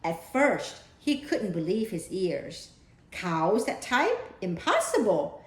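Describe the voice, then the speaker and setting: A woman reading a children's picture book aloud in an expressive, deliberate storytelling style. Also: medium pitch, a little hiss or hum. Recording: echoey room.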